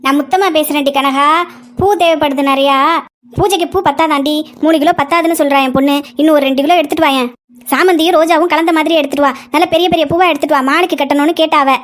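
A woman's voice: high voice, steady tone, quick pace, natural voice. A woman voicing a chatty, bossy old village grandmother in a cartoon. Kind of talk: cartoon voice acting.

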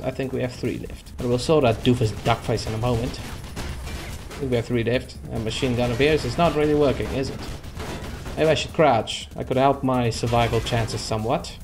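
A young man giving let's-play commentary, frustrated and sarcastic, talking back at the characters on screen. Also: medium pitch. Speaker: gaming channel host. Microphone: desk microphone.

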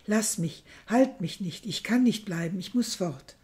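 Whispered role-play, woman reading a sad young lover, soft and slow. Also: mid-range voice, lightly acted. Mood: sorrowful. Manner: soft and hushed.

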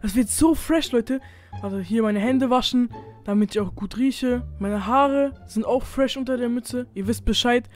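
A man's voice: extremely high pitch, normal speed, faint music behind. A man playing a laid-back young friend who talks in slang, in a casual game role-play. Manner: slangy and chatty, says "fresh" and "Bro".

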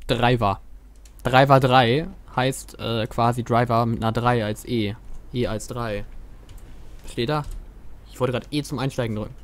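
A man's voice: mid-range voice, steady tone, unhurried, pauses often. A man with a German accent giving casual, joking commentary while streaming a game, chatting with viewers and swearing freely. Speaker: gaming streamer. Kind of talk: casual let's-play commentary.

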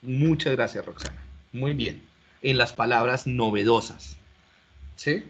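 A man's voice: mid-range voice, a little slow, fairly bright tone, husky. A man teaching an online class, explaining step by step and questioning his students. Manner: explanatory, asks students questions, frequent restarts. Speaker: lecturer. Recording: dull lo-fi audio.

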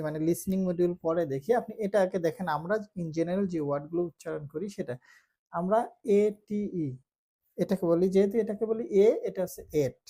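A woman teaching English pronunciation in a casual lesson, repeating letter sounds slowly to demonstrate. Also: mid-range voice, mellow. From Bangladesh.

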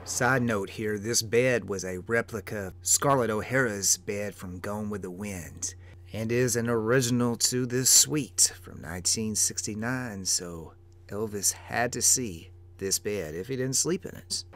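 A man, awed and hushed as he thinks aloud on a walking tour of an empty hotel suite. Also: lowish voice, unhurried, a little hiss or hum. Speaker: travel vlogger.

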